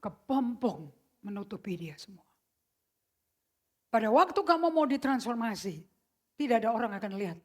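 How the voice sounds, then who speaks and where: A woman preaching a sermon in a casual, slangy way, mixing in English phrases and swinging from loud shouts to hushed whispers. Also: fairly high pitch, very animated, moderate pace, long pauses. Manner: mixes English phrases into her speech; casual slangy emphatic delivery.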